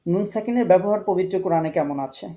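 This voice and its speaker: Male online tajweed instructor, warm and mellow tone, patient, repeats key rules slowly. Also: high voice, lively intonation, rough recording. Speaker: Quran recitation teacher. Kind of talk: online tajweed class lecture.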